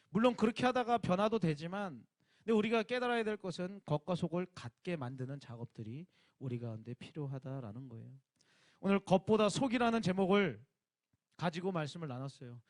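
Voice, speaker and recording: A man's voice: high voice, no room sound. A male youth pastor giving a casual sermon to teenagers, talking informally and directly with emphatic rising bursts.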